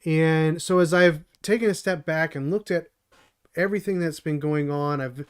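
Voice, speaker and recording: Middle-aged guy mentoring devs on his stream, kinda high voice, rambles and restarts a lot. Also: clear, resonant tone. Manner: earnest and rambling, many restarts and fillers. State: dry voice. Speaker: channel host and developer mentor. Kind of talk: solo live stream talk.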